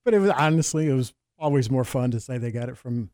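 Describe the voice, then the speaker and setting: A man's voice: mid-range voice, fast talker, a little mellow, no echo, clean studio sound. A man co-hosting sports talk radio, chatting casually. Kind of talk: casual chat.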